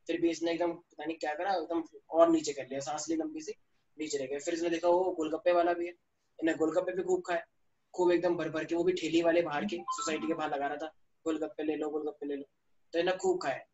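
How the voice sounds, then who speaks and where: A man's voice: fairly high pitch, a little mellow, lo-fi sound. A male teacher giving an online class, teasing his students and explaining through stories. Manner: playful, teasing, storytelling with students. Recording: echoey room, voice from a distance.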